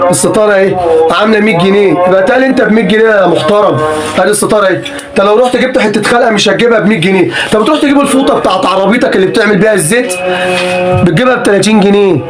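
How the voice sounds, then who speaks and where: A man with an Egyptian Arabic accent selling secondhand goods in a vlog. He is pushy and repetitive, and he sounds exasperated as he haggles. He records himself on a phone camera indoors. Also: sits high. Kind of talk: sales pitch vlog.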